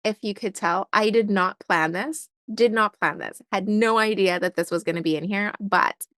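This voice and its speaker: A woman's voice: fairly low pitch, a bit bright, dry recording. A young woman chatting casually while unboxing stationery and thinking aloud with lots of fillers. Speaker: stationery vlogger.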